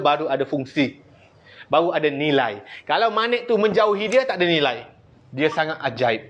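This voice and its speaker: Playful Malaysian Malay man teaching kids. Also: dull audio. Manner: playful teasing, jumps between loud drill calls and low asides. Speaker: abacus teacher. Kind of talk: classroom lesson to children.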